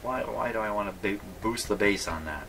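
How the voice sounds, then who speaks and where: Fairly low in pitch and fairly quick, this man's voice narrates radio repair work in an indoor electronics workshop. He's a hobbyist host who thinks aloud casually, musing and wryly self-deprecating. The recording is clear, with background noise from the workshop.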